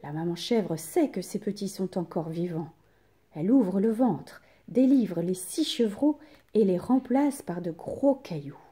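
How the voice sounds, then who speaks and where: A woman reading a children's story aloud with expressive, unhurried storytelling. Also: mid-range voice.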